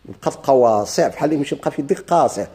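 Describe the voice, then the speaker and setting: A man with a Moroccan Arabic accent teaching a grammar lesson, quizzing students with quick questions and answers. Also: medium pitch, animated, dark tone. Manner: chants verse slowly.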